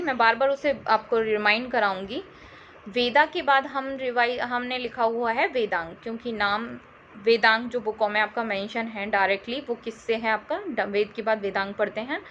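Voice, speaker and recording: A woman with a high, bright voice teaches an exam-prep history lesson, speaking English. She repeats key terms and keeps quizzing her listeners with questions. The audio is a little dull, with faint noise underneath.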